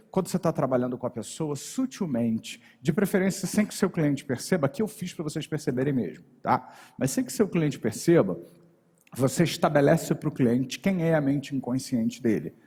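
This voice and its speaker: A Brazilian man teaching a live workshop from a stage, lively and shifting his intonation as he talks straight to the audience. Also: a little high, normal speed, husky. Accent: Brazilian Portuguese. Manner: animated, shifts intonation to address the audience directly. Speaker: NLP and hypnosis trainer. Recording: long hall reverb on a stage voice.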